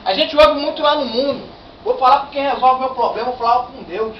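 A middle-aged man giving a fervent lay sermon in a workplace meeting room, animated and pacing, shouting at the peaks, filmed by a far-off camera. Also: very high voice, a little fast. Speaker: lay preacher. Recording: echoey, distant, dull lo-fi with noise.

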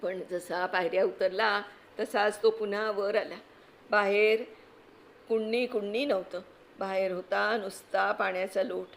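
A woman reads a story aloud with expressive, vivid delivery. Her voice has a gravelly edge at a middle pitch. A faint background noise sits under her voice. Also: moderate pace. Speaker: story reader. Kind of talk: dramatic story reading.

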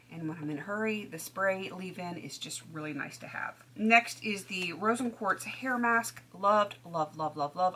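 A woman chatting casually as she reviews used-up beauty products, chatty and self-deprecating, with soft asides. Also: fairly low pitch, breathy edge. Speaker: beauty vlogger.

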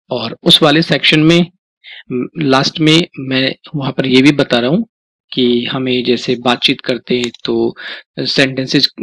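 A man with an Indian accent teaches spoken English in a Hindi-English lesson. He drills short phrases slowly and checks in with the listener as he goes. His voice is slightly husky and sounds dry and close, with little room sound. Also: mid-range voice, fairly bright tone, no room sound, poor audio. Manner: coaxing, checks in with "ठीक है?".

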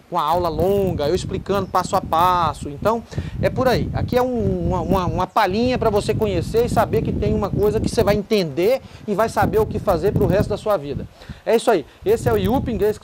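A middle-aged man with a Brazilian accent teaches English pronunciation in a casual video lesson. He explains patiently and repeats words slowly to show how they sound. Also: high-pitched, noisy background. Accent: Brazilian Portuguese. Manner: explains patiently, then sings short song lines with a guitar.

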